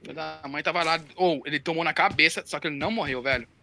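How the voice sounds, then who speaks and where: A Brazilian man streaming a shooter game, chatting excitedly with teammates and often swearing and shouting. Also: on the high side, fast talker. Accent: Brazilian Portuguese. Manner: excitable, swears a lot, yells when frustrated. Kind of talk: casual gaming chat with teammates. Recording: noisy game audio behind the voice.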